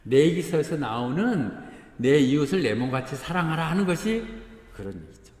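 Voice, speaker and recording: A man's voice: fairly high pitch, big pitch swings, normal speed, darkish tone. Male pastor, conversational sermon, acted dialogue, long church reverb. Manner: conversational preaching, breaks into acted dialogue, chuckles at congregation. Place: church sanctuary. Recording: echoey church hall, faint ambience.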